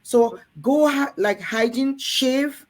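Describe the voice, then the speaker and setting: Speaking slowly and in a high pitch, a Cameroonian woman hosts a candid talk for women gathered in a room. She is earnest and coaxing, frequently addressing the ladies in her audience directly.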